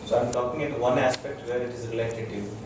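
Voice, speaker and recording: This doctor, a man with an Indian accent, moves at a quick pace with a steady, medium-pitched voice. He's informally teaching integrative medicine to a small audience, repeating short phrases and checking that people follow. The room is echoey, the mic distant, and the recording noisy.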